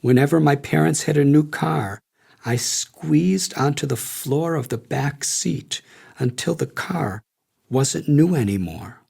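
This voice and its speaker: Slow, gravelly male memoir narrator. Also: fairly high pitch. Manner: slow, measured, reflective reading. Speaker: audiobook narrator. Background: soft guitar music.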